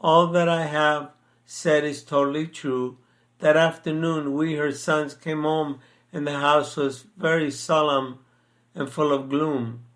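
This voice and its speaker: An older man speaks slowly, with a voice pitched a touch high for a man. He chats casually and reads his own poem, often stopping for fillers and restarting his sentences. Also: flat delivery, a bit bright. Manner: slow, hesitant with many fillers. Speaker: poet sharing his poems. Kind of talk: casual chat and poem reading.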